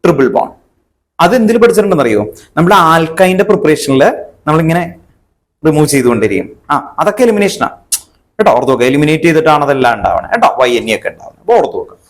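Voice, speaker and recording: A man teaching a chemistry lesson. He asks his students questions and then answers them himself, and he spells terms out slowly. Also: a little high, lively intonation. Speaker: chemistry tutor. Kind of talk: online exam-prep lesson.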